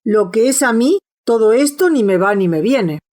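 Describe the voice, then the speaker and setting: A polite young storybook girl with a clear, decided way of speaking, voiced by a woman reading aloud. She stays courteous but does not back down. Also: on the high side, animated, moderate pace, darkish tone, close to an everyday voice. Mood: defiant. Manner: polite, then firm and decided.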